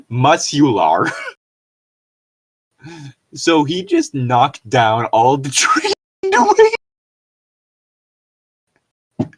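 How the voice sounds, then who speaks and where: A woman jokes her way through a comedy reading show, swearing casually and drifting onto tangents. Her pitch swings a lot, even though she speaks slowly. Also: husky. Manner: swears casually, laughs often, goes off on tangents. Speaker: podcast co-host.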